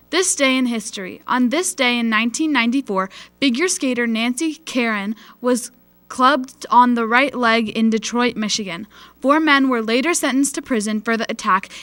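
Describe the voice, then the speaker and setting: Bright young American girl reading school announcements. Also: on the high side, no room sound. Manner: reading aloud from a script. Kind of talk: scripted school morning announcements.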